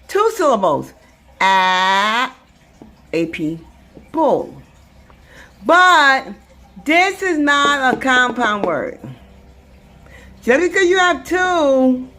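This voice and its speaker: Slow, gravelly-voiced woman teaching syllables. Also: high voice, sharp tone. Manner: sounds words out slowly, repeating them. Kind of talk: slow, drawn-out phonics lesson.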